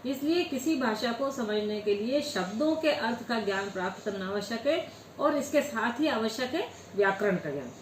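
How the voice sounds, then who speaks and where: A woman's voice: fairly high pitch, animated, moderate pace, slight background noise. A woman giving a Hindi law lecture, asking questions and answering them herself. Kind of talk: classroom lecture. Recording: echoey room with faint ambience.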